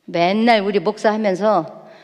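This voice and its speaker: A woman speaking at a church seminar, her mid-pitched voice carrying a long hall reverb across the sanctuary. She teaches warmly and animatedly, slipping into the voices of quarreling and comforting spouses as she goes. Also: measured pace. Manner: lively, acts out spouses' lines in quoted voices. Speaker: seminar speaker on relationship psychology.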